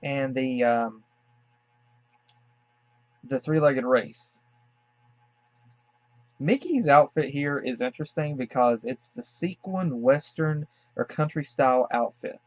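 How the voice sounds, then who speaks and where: A man's voice: medium pitch, takes it slowly, pauses often, a little mellow, no room sound. Guy from the american south reacting to an old cartoon, hesitant and rambly, lots of ums, muffled lo-fi sound, dry. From Southern United States. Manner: hesitant, musing, frequent fillers and apologetic asides. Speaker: cartoon reaction channel host. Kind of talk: casual reaction commentary. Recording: dull lo-fi dry recording.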